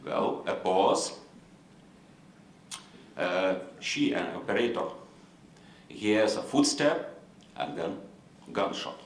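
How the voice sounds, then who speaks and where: Moderating a conference panel, a low-voiced Lithuanian-accented man uses formal English with lively intonation, though he halts frequently on filler words. A faint hiss sits under the roomy acoustics.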